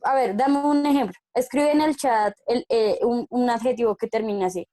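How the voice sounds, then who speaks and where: A woman's voice: on the high side, normal speed, warm tone, no room sound. Woman English teacher, patient and questioning, online class, dry computer mic. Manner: patient, checks understanding with frequent questions. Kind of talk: online class explaining grammar.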